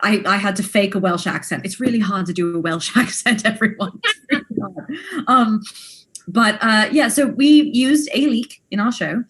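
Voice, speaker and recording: A woman co-hosting a casual chat, telling a backstage story with animated, laughing delivery. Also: mid-range voice, moderate pace. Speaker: podcast co-host, stage actor.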